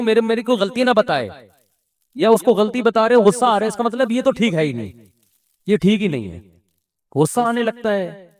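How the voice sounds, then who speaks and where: Pakistani urdu preacher guy, middle-aged, pretty high voice, chatty sermon, acts out little quotes. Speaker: religious preacher. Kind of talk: Islamic sermon.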